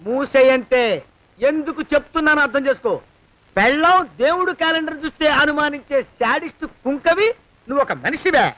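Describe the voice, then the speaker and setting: A man's voice: very high voice, fairly quick, a bit bright. An actor playing an angry man ranting at the moneylender who has squeezed him for his father's debt. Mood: furious. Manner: ranting, insulting. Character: angry young man berating a cruel moneylender. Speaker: debtor confronting a creditor. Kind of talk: film comedy dialogue. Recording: dull lo-fi film audio.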